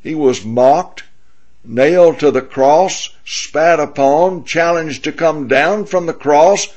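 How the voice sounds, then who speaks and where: A man teaching a Bible lesson in question-and-answer form, speaking deliberately and rising in emphasis when he reads scripture. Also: a little high, a little mellow. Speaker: preacher.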